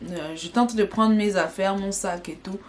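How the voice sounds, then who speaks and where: A young woman telling a personal story in an animated, dramatic way for her vlog. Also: medium pitch, moderate pace, a little hiss or hum. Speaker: vlogger.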